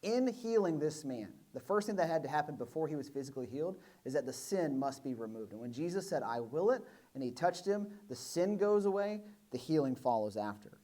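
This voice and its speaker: Animated young man preaching. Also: a little high, brisk, hardly any pauses. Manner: animated, conversational preaching with acted-out voices. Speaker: pastor. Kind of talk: sermon. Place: church.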